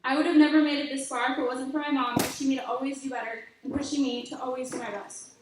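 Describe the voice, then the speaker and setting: High-voiced teen girl giving a graduation speech. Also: steady tone, fast talker. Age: late teens. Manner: earnest, heartfelt advice to younger students. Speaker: graduating student speaker. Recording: echoey hall, voice from far off, faint noise.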